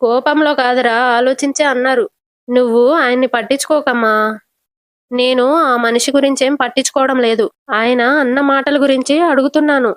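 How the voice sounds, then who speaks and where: A woman voicing a stern middle-aged mother who scolds firmly, quoted while retelling a TV serial scene in her own fairly high voice. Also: fairly even intonation, a little fast, dry recording, studio quality, natural voice. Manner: firm, scolding tone.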